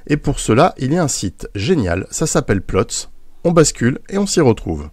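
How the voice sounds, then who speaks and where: A man's voice: medium pitch, big pitch swings, moderate pace, a little mellow, breathy edge, no room sound, studio quality, pitched above the performer's own voice. A man playing a helpful lab scientist.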